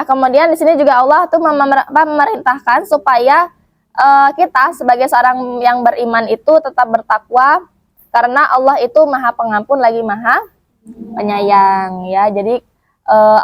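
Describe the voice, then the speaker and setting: Young woman, higher voice, chatty classroom lesson, dry close sound. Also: no echo. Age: young adult. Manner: chatty, many fillers and rhetorical questions. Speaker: student teacher. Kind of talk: casual Quran commentary lesson. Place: Islamic boarding school.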